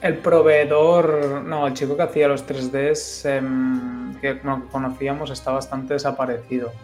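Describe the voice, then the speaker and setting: Colloquial man, mid-pitched. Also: little pitch movement, moderate pace, a little mellow. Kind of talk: casual group chat. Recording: music under the voice.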